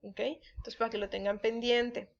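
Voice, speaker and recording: A woman's voice: on the high side, flat delivery, moderate pace, creaky. A woman teaching spelling rules to students, patiently checking in and acting out example sentences. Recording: dull lo-fi recording.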